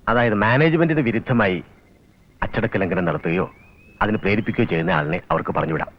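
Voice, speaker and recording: A formal school official lays out regulations in a measured tone, talking quickly in a slightly high voice. The sound is dull and lo-fi, with faint noise behind, as in an old film. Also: male voice. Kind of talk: film drama acting.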